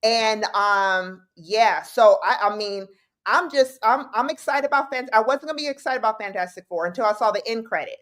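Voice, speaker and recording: A woman co-hosting a casual fan chat on a podcast, her voice sitting a little high. She talks excitably in bursts, restarting her sentences as ideas pile up. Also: moderate pace. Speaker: co-host.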